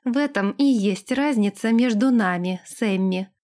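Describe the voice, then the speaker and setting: A woman's voice: mid-range voice, a little slow, close to an everyday voice. A woman voicing a spoiled, imperious young princess who snaps and gives orders in an audiobook. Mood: commanding. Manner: haughty, sharp-tongued, commanding. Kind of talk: audiobook character voice.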